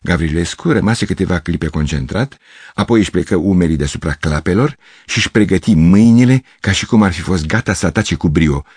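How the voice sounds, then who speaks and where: A man reading a literary story aloud as narrator, in a measured, expressive manner. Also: deep voice, breathy edge, no echo.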